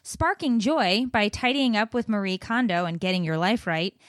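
A woman's voice: mid-range voice, moderate pace, no echo, clean studio sound. A woman co-hosting a parenting podcast in casual banter, joking and exaggerating in a supportive way. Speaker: podcast co-host and mother.

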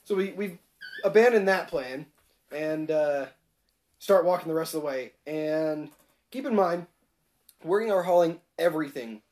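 A man's voice: on the high side, a little slow, pauses often, darkish tone. A man hosting a podcast, chatting casually and asking his guests questions. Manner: easygoing, asks guests questions. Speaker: podcast host.

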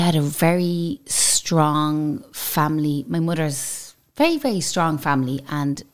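A woman's voice: low voice, vocal fry. A woman from Dublin with a Dublin Irish accent, chatting as a podcast guest and telling long, rambling stories. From Dublin, Ireland. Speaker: podcast guest, salon owner. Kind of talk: casual interview chat.

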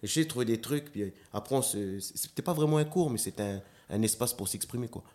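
A man, a dancer and slam artist, chatting as a guest in an interview, telling animated stories and acting out quotes, with frequent restarts. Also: mid-range voice, fast. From New Caledonia. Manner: animated storyteller, acts out quotes, stammers on restarts. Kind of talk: casual interview chat.

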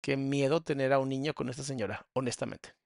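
Sarcastic gravelly Mexican man. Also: mid-range voice, steady tone, quick pace, darkish tone, no room sound, clean studio sound. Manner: mocking, sarcastic, crude. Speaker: psychologist reacting to a video. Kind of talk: sarcastic reaction commentary.

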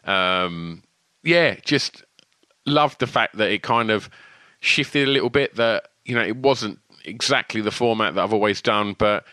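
A man's voice: lowish voice, measured pace, bright, forceful tone, smooth, no room sound. A man with an Essex accent hosting a podcast, chatting casually and effusively in matey, informal slang. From Essex, England. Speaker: podcast host. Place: small room at home, alone.

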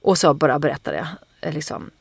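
A woman's voice: low-pitched, gravelly, slightly rough, dry recording, clean studio sound. A woman, an actress, telling a story in casual podcast chat, vividly acting out the quotes.

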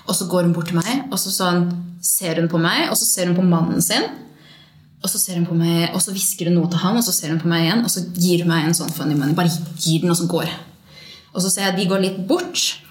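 A woman tells a long story in casual podcast chat, acting out bits of dialogue along the way. Her voice sits a little low. The room around her is echoey. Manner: mixes Norwegian and Swedish words, tells the story with quoted dialogue and English slang. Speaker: podcast guest, stripper and entrepreneur.

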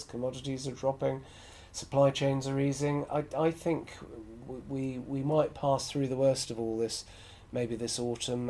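A man's voice: mid-range voice, a little mellow, a little hiss or hum. A man hosting a solo podcast, talking frankly and with strong opinions as he thinks aloud. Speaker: podcast host.

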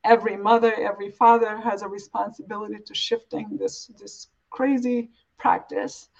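Speaking with vocal fry and a slightly mellow tone, this Ugandan-born woman from East Africa keeps a medium pitch, fairly even intonation, and a moderate pace. As an interview guest she reflects earnestly and emphatically, repeating phrases to build her points. The recording sounds dull and lo-fi.

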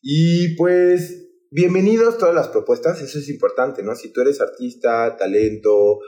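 A man's voice: mid-range voice, measured pace, mellow. Young man, Mexican accent, slangy casual chat, restarts a lot. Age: young adult. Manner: slangy, rambling, many restarts. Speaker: guest, hostel project leader.

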